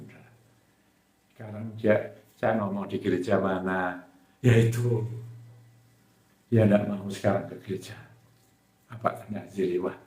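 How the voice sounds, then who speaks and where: A man preaching a sermon, telling a personal testimony in an animated way and often addressing the congregation directly. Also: fairly low pitch, echoey room. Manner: animated storytelling, often addressing listeners as "saudara". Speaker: evangelist preacher. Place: church hall.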